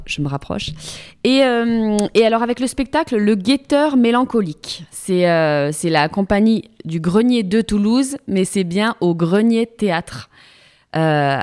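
A woman's voice: mid-range voice, darkish tone. A woman in her thirties from France, a radio theatre columnist chatting casually with many fillers and restarts. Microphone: studio microphone.

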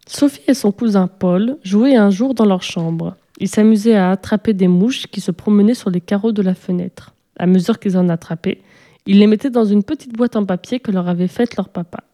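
Casting: a woman reading a children's storybook, warm and mellow, at a steady, even pace. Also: medium pitch, moderate pace. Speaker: narrator.

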